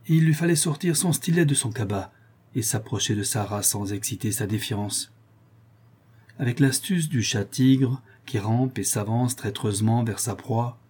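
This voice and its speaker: A man narrating a classic novel as an audiobook in a measured, dramatic way. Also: medium pitch, mellow, slightly rough. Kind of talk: scripted narration.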